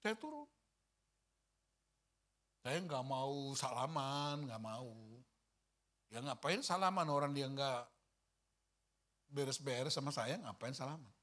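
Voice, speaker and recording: A male pastor preaching a church sermon, telling a personal story in an animated way and acting out the dialogue. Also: mid-range voice, slow, long pauses. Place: church service.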